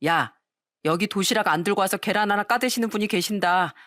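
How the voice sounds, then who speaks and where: A woman voicing a loud, spiteful teenage schoolboy bully who taunts and sneers. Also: medium pitch, sing-song, measured pace, breathy edge, no room sound, clean studio sound, exaggerated voice. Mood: mocking.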